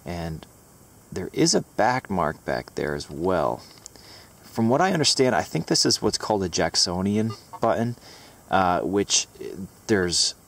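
Low-voiced man exploring woods, excited. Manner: enthusiastic, explaining finds as he goes. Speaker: metal detecting channel host. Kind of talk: casual outdoor vlog narration. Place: outdoors in a forest.

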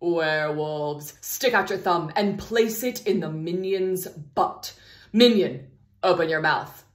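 A woman giving party-game instructions in a flat, deadpan parody of a game narrator. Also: lowish voice, takes it slowly, echoey room.

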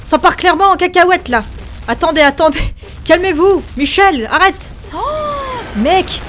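A young woman hosting a video game, commenting excitably, often shrieking and laughing. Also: very high-pitched, moderate pace, background noise. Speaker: gaming video host.

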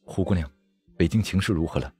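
A man reading a storybook aloud, voicing a lonely, sorrowful young male scholar who speaks quietly and gently. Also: low voice, quick pace, breathy edge. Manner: quiet, subdued and sad.

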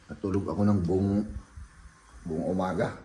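A man's voice: sits low, normal speed, slight background noise. Sick man vlogging in an echoey room. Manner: relaxed, chatty, with frequent fillers. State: sick, coughing. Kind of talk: casual vlog chat to viewers. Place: indoors at home.

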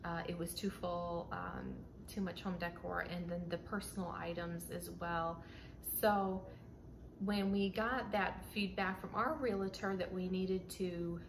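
A woman's voice: lowish voice, noisy background. Chatty woman vlogging at home. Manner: chatty, many fillers and restarts, says "y'all". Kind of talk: casual talk to camera. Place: home interior, indoors. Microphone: camera framed at chest height, close.

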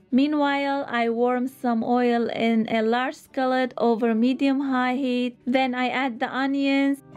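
A woman host calmly narrating recipe steps in a voice-over, with slightly non-native phrasing. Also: a little high, muffled recording. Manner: calm, step-by-step instructional. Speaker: cooking channel host. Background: soft background music.

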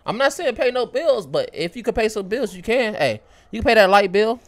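A man's voice: high voice, animated, brisk. A man co-hosting a podcast in casual chat, joking and teasing the others. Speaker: podcast co-host.

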